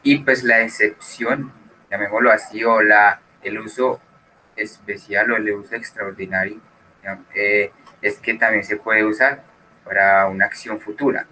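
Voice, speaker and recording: A man's voice: on the low side, steady tone, measured pace, sharp tone, a little hiss or hum, poor audio. A man teaching an English class who explains patiently and switches between Spanish and English.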